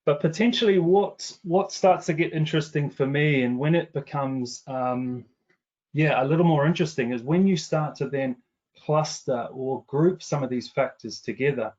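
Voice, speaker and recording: A commercial director, a middle-aged New Zealand man with an accent partly shaped by years in England, presents research from a survey during a webinar. He sounds measured and professional but uses many fillers and restarts. His voice is a little high and darkish, recorded with lo-fi quality.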